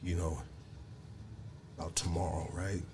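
A man in his forties interviewing casually, halting and leaning on fillers and tag questions. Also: deep voice, level tone, warm tone, slight background noise. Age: 40s.

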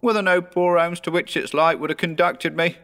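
A man performs a tormented phantom from a storybook, pitched well above a normal male voice. The delivery is solemn and declamatory, heavy with remorse and foreboding, drawn into a mournful wail. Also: fairly even intonation, fairly quick, fairly bright tone, big-room sound. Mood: mournful, urgent. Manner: wailing, grave, solemn declamation.

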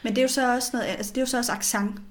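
A woman co-hosting a podcast in casual chat, friendly and relaxed, reading out listener messages. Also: fairly high pitch.

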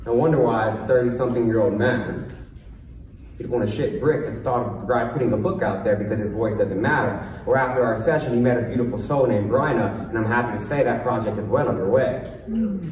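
Fairly quick and a little mellow, a medium-pitched male coach gives a motivational talk to an audience in a big echoing hall, pressing his points with rhetorical questions. He lisps and says W in place of R. The sound is far-off and echoey, with faint noise.

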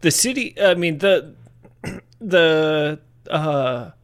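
A man playing a tabletop game, chatting casually in character in a laid-back, halting way. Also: a little high, animated, smooth. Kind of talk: casual improvised role-play chat.

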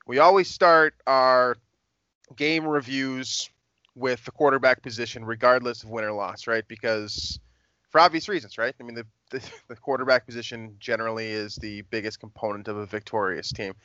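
Young male podcast host, bright and wry, rambling casual delivery, dry muffled mic. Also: mid-range voice, normal speed, no room sound. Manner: wry, rambling, frequent fillers and restarts. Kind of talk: casual sports podcast talk.

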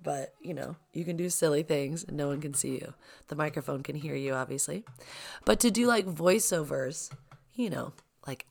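A young woman hosting her own podcast at home, chatting in an excitable, rambling way with lots of asides. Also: low-pitched, gravelly. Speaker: podcast host. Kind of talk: casual solo podcast chat. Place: home, child playing upstairs. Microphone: sensitive podcast microphone.

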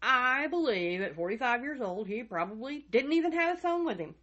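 A woman's voice: fairly high pitch, big pitch swings, fairly quick, fairly bright tone, highs cut off. Woman telling a true crime story. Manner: retells events with acted-out quotes. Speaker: true crime podcast host.

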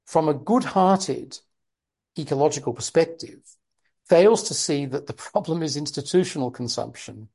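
A woman conducts an intellectual interview in a low-pitched, dark and relaxed voice. She is measured and discursive, choosing formal words and adding qualifications as she goes. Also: creaky, breathy edge. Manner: measured, discursive, formal vocabulary with hedging asides.

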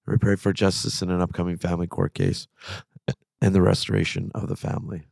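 A man with a gravelly, raspy voice from a very sore throat, leading prayers and intentions in a solemn, measured way. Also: deep voice, flat delivery, darkish tone, dry recording. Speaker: livestream prayer host. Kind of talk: reciting intentions and prayer responses.

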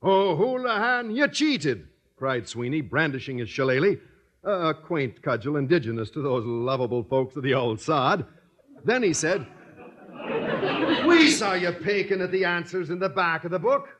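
A man's voice: fairly high pitch, lively intonation, moderate pace, a bit bright. A man playing an earnest, awkward, bookish fellow in old radio comedy, speaking in wordy, careful phrases. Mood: earnest storytelling. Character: earnest, awkward male storyteller with a corny joke. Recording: dull vintage radio broadcast.

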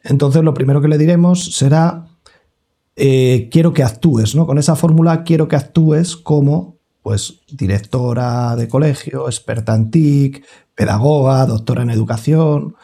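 A man, a guest educator explaining step by step on a podcast, lively with many "eh" fillers. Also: mid-range voice, a little slow, gravelly, husky.

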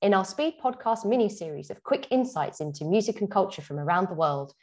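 A woman's voice: medium pitch, animated, brisk, a little mellow. A woman hosting an arts podcast, reading a scripted intro and then asking chatty, enthusiastic questions full of fillers. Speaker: podcast host.

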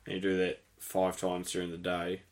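A man's voice: low voice, completely flat delivery, normal speed. A man chatting casually as host, rambling through technical details and swearing now and then. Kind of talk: casual chat.

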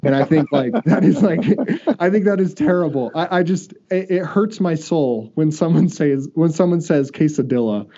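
A man's voice: a little high, normal speed, hardly any pauses, mellow. A man hosting a casual podcast chat, rambling and chatty with many restarts. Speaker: podcast host. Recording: dull lo-fi audio.

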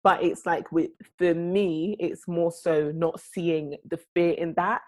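Her voice is lowish and her pace slow, but this young woman is animated in casual conversation. She talks at length, in long stretches heavy with fillers.

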